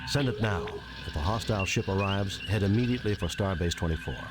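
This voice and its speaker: An actor playing a decisive, confident starship captain in a video game, with a deliberate, commanding delivery. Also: male voice, low-pitched, background noise, natural voice.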